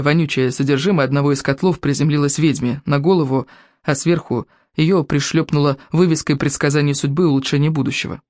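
A man's voice: a little high, dry recording, studio quality. Dramatic male audiobook narrator. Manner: lively, dramatic reading. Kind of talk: expressive storybook narration.

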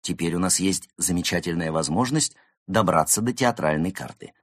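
A man voicing a calm, confident male fox who leads his friends. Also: deep voice, moderate pace, dry recording, studio quality. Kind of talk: audiobook character voice.

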